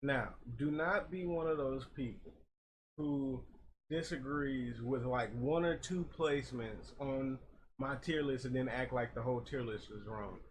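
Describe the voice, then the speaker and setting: A gaming video host offers informal, opinionated commentary in a mid-range voice at a slightly slow pace. He's recorded a bit far from a makeshift old microphone, with background noise audible.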